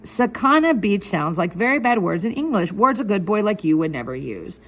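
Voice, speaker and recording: A woman voicing a calm Japanese American father who gently scolds his son. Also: medium pitch, normal speed. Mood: gently stern.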